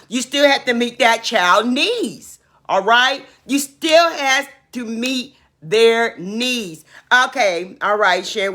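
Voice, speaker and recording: Female livestream host, forceful bright voice, repeats herself for emphasis. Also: a little high. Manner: emphatic, repeats her points, asks questions. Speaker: livestream host reading viewer comments. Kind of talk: casual opinion livestream.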